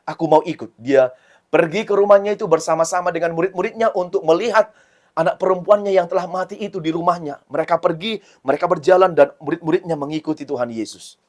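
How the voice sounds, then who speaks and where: A man's voice: high voice, quick pace. A man preaching a Sunday school sermon to children, retelling a story with repeated phrases and asking the children questions. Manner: asks children rhetorical questions.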